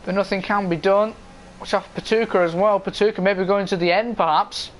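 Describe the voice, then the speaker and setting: High-voiced male motorsport commentator. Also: steady tone, brisk, slight background noise. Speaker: motorsport commentator of an online sim racing league. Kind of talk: live motorsport commentary of a racing game.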